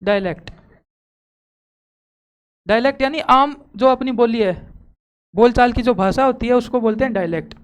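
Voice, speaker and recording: Woman teacher in a classroom, smooth voice, keeps asking the kids questions and repeating words slow. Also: a little high, dull audio. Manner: quizzes the class and repeats key terms slowly. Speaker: school teacher. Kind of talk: classroom lesson. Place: school classroom.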